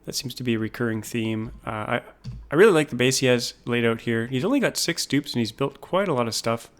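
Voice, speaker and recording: A man casually talking through a game base, thinking aloud with frequent pauses. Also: medium pitch. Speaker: gaming YouTuber. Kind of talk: casual gameplay commentary.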